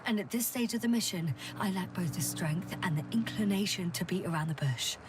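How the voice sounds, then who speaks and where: A woman's voice: fairly low pitch, expressive, a little fast, recorded from a distance, background noise, natural voice. An actress playing a tired, direct female doctor on a space mission in a game.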